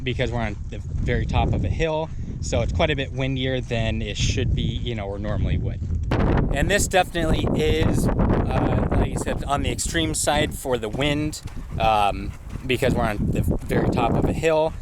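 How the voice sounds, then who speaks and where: A man's voice: mid-range voice, moderate pace. A man giving a casual, explanatory camera test commentary as the host of a review video, speaking outdoors into an action camera microphone. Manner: explanatory, informal. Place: outdoors on a windy hilltop. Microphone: action camera built-in microphone. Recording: heavy wind noise, outdoor camera microphone. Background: loud wind noise.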